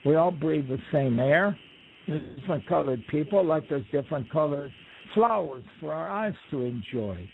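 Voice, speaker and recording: A man's voice: a little high, lively intonation, normal speed, vocal fry. A man guest telling stories in a folksy, rambling way, acting out quoted voices. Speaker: guest storyteller. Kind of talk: relaxed conversational storytelling. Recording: tinny phone line with faint hiss.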